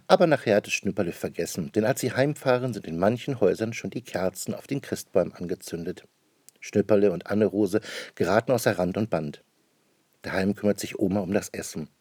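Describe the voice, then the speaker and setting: Low-voiced man reading a children's story. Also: brisk, darkish tone, husky, dry recording. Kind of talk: scripted narration of a children's Christmas story.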